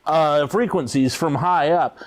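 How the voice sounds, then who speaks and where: Guy doing a rambly ghost-gadget salesman, bit high voice, lots of uh's. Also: measured pace, natural voice. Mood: earnest. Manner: rambling, hesitant, full of uh's. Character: bumbling male ghost-tech huckster. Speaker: paranormal gadget seller being interviewed. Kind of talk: deadpan mockumentary interview.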